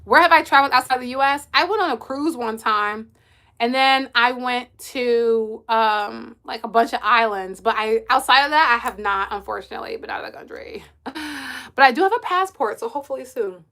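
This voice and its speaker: Brief: bright, high-pitched woman, friendly chatty livestream host reading comments, quick laughs. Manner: chatty, laughs often, answers viewers directly. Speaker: livestream host and kids' coach. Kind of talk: casual live-stream chat reading comments.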